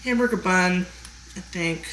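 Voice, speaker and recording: A woman giving a relaxed, chatty cooking tutorial while shaping bread dough at home. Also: on the low side, a little slow. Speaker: home baker showing a recipe. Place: home kitchen. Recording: echoey kitchen with clear background noise.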